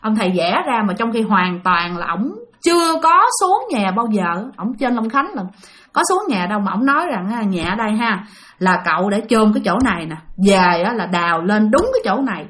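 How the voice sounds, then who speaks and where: A woman runs a storytelling channel where she recounts listener-submitted ghost stories, chatting casually and often turning to address her audience. She speaks briskly and expressively in a mid-range, fairly bright voice.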